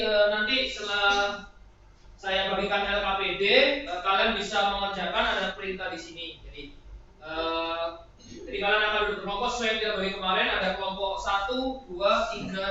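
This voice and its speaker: A man's voice: sits high, bright, forceful tone, highs cut off, slight background noise. A male teacher giving classroom instructions in a directive way, with frequent hesitations. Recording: echoey classroom from a distant camera. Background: classroom ambience.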